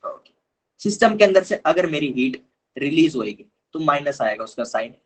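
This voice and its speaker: Guy teaching chem in a live class, kinda husky, patient, keeps calling the students kids. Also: on the high side, sing-song, moderate pace, rough recording. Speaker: chemistry teacher. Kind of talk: live online lecture.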